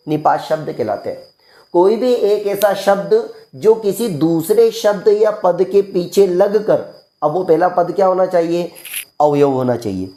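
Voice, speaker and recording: A male teacher giving an exam-prep grammar lesson. He explains patiently and slowly, repeats key phrases, and asks the class questions before answering them himself. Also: high voice, dark tone. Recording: roomy echo.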